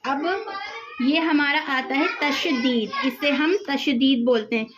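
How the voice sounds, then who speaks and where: High-voiced woman teaching Quran recitation. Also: background noise. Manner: patient, repeats examples slowly, drawn-out demonstrations. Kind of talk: tutorial on recitation rules.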